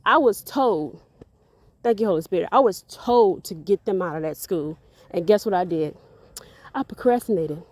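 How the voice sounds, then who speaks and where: A woman's voice: lowish voice, lively intonation, moderate pace, darkish tone, no room sound. A woman sharing a rambling, faith-filled parenting story in a casual vlog, a little out of breath as she walks outdoors. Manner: earnest, rambling, faith-filled, repeats words. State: a bit out of breath. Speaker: parent vlogger.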